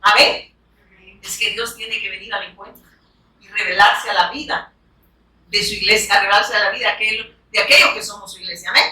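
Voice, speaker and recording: A woman's voice: medium pitch, fairly even intonation, brisk, pushed and bright. A woman preaching a sermon to a congregation, speaking emphatically, urging her listeners to look closely and punctuating her points with amen. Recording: echoey room, voice picked up from a distance.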